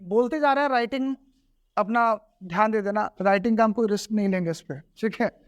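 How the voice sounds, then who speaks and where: A man's voice: high voice, brisk, dry recording, muffled recording. A man teaching a grammar lesson. He repeats each example word by word and often checks whether the class has understood. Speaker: English teacher.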